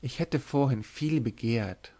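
A man's voice: mid-range voice, unhurried, mellow. A man reading aloud, voicing a teasing young noblewoman disguised as a lord, who speaks in a lisping, coy whisper.

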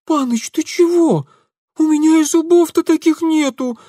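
A man's voice: very high voice, dark tone, dry recording, clean studio sound, voice pushed up. A man voicing a frightened, tearful young factory girl who rattles off her words in a whiny rustic way. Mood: pleading. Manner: rapid, whiny, dialect-tinged speech.

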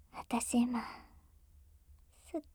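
A young woman playing an affectionate, excitable girlfriend on a sleepover, in intimate pillow talk that often slips into breathy whispers. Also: dry recording. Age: young adult. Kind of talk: intimate pillow-talk role-play to the listener. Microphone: close, dry microphone.

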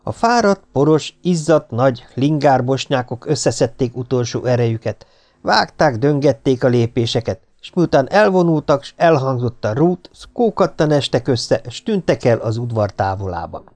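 Guy reading a kids' novel aloud, pitch swings all over, very animated. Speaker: audiobook narrator. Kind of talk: scripted audiobook narration.

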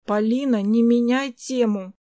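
A woman's voice: a little high, measured pace, dark tone, no room sound, studio quality, natural voice. A woman doing an insistent hurt young man. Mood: demanding.

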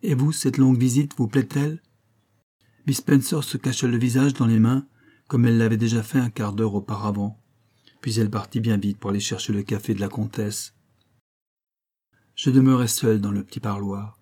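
A man reading a literary story aloud as a narrator, with a measured, even delivery. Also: fairly low pitch, husky. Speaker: audiobook reader.

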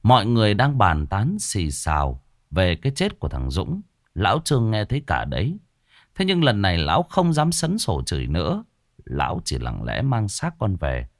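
Deep, animated storyteller. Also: male voice, normal speed, no room sound, clean studio sound. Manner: expressive, dramatic storytelling. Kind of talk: scripted horror story narration.

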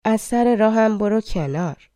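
A woman doing a brave young prince, determined and firm, low and mellow. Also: animated, no room sound.

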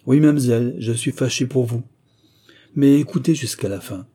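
A man's voice: medium pitch, normal speed, dark tone, lightly acted. A man voicing Pierre, a chatty young manservant. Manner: familiar and talkative, swearing by God. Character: chatty young male servant, loyal and blunt.

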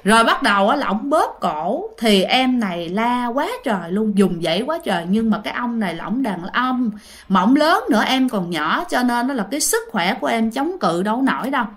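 A woman's voice: a little high, lively intonation, normal speed, fairly bright tone. A woman with a Southern Vietnamese accent telling a ghost story in a chatty, casual way, speaking straight to her listeners. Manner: chatty, addresses listeners directly.

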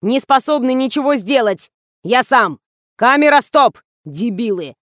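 Lady doing a shouty bossy male tv director, yelling orders, dry close sound. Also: on the high side, animated, no echo. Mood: furious. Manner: yelling, bossy, quick-tempered.

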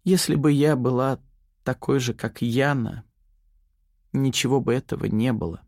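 A man's voice: mid-range voice, moderate pace, a little mellow, dry recording, studio quality, pitched above the performer's own voice, natural voice. A man voicing a frightened young woman held captive who speaks with hurt bitterness. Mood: bitter.

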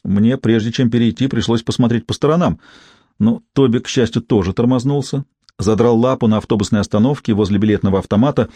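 A man's voice: mid-range voice, fast talker, warm tone, dry recording. A man narrating a first-person audiobook in a dry, ironic storytelling manner.

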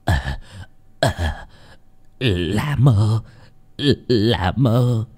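A man's voice: on the low side, very slow, darkish tone. A man voicing a terrified old village landlord who stammers and begs. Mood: shaken. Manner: stammering, begging, breathless.

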